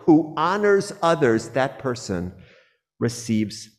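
Rabbi preaching in a reverberant sanctuary. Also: male voice, medium pitch, sing-song. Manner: measured, earnest delivery with slow emphatic phrases. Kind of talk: sermon. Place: synagogue sanctuary.

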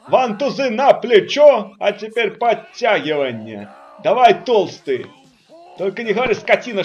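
Guy doing a nasty drill sergeant barking orders n insults, high voice jumping all over, parody dub. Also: lo-fi sound. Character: bullying, foul-mouthed male army drill sergeant.

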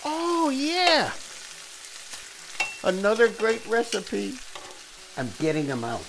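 A man's voice: sits high, wildly swooping pitch, slow pace, vocal fry, fairly bright tone. An older man hosting a casual home cooking video, chatty and enthusiastic, talking from his kitchen.

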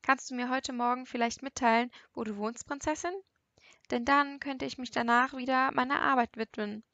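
A woman's voice: high voice, steady tone, moderate pace, bright, forceful tone, no room sound, lo-fi sound. A woman reading the part of a cocky young man who teases with sarcastic remarks, in an audiobook. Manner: mocking, sarcastic.

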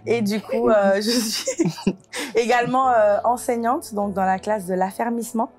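Measured woman guest introducing herself. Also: on the high side, steady tone, darkish tone. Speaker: guest, church minister. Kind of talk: self-introduction in a studio interview. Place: TV studio set.

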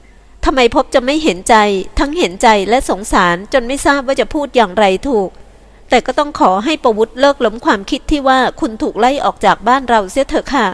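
A woman's voice: high voice, brisk, pitched above the performer's own voice, close to an everyday voice. Woman putting on a sweet teasing young hostess. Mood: coaxing. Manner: sugary coaxing tone.

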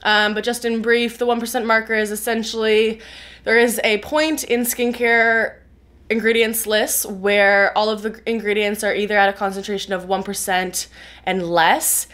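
A woman's voice: mid-range voice, steady tone, moderate pace, fairly bright tone. A young woman with a stuffy, nasal voice from a cold, chatting through a skincare review with lots of "um" fillers. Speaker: skincare reviewer, biochemist YouTuber. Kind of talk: casual explanatory video review.

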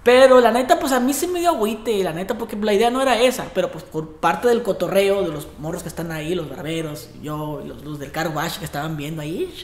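A Mexican barber and vlogger in his thirties, speaking Spanish with a Mexican accent, tells a story in a casual vlog from an indoor barbershop with a brick wall. He's animated and profane, acting out others' lines with voices and gestures. His voice is high and a little fast with few pauses, and the camera sits at desk distance in an echoey room.

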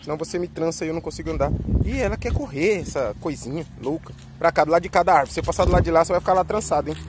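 A man's voice: fairly high pitch, very fast, slight background noise. A man with a Brazilian Portuguese accent, walking his dogs outdoors and talking to them in a chatty, coaxing way. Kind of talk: casual talk to pets on a walk. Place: outdoors on a street walk.

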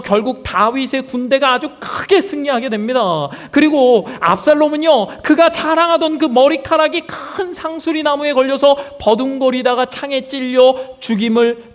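High-voiced male pastor in a reverberant church. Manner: storytelling with many rhetorical questions to the congregation. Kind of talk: sermon. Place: church sanctuary. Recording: long reverb of a church hall.

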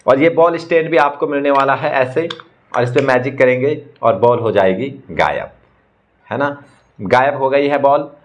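A man who is a magician, briskly showing and explaining magic props one after another in a casual demo. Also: medium pitch. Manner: brisk, talking props through each trick. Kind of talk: casual product demonstration.

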